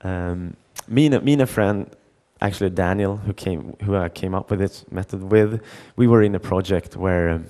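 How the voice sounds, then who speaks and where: With few pauses and a moderate pace, a middle-aged conference speaker tells a story in a deep, warm voice. He acts out the dialogue, often restarting and repeating words.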